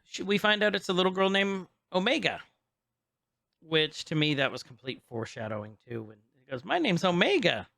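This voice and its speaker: Gravelly man recapping a show. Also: fairly high pitch, steady tone, a little fast, sharp tone, no echo, studio quality. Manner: rambling, laughs often, stumbles over names. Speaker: podcast co-host. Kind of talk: casual chat recapping an episode.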